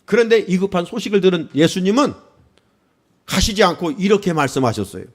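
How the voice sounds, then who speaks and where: A man's voice: sits high, animated, fairly quick. A male pastor preaching a sermon, asking the congregation questions and rising into exclamations.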